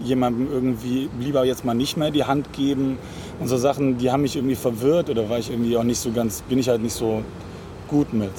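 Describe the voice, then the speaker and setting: A man's voice: medium pitch, noisy background. A man giving a casual personal account, loosely searching for words.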